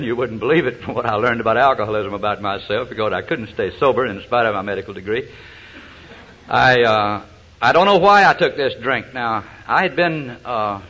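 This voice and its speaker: With a sharp tone in a mid-range voice, this man tells his own story from the platform at a recovery meeting, joking along the way. He's a folksy storyteller who hesitates a lot and says uh frequently. The recording is dull and lo-fi.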